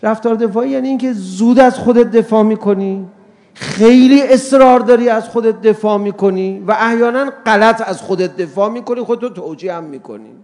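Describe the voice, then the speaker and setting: A man giving a sermon to an audience, animated, acting out little dialogues with mocking humor. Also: high voice. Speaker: religious lecturer.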